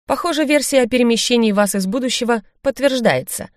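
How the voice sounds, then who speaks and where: A woman's voice: a little high, brisk, no echo, studio quality, pitched above the performer's own voice, close to an everyday voice. A woman reading as a stern scheming baron. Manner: firm, commanding.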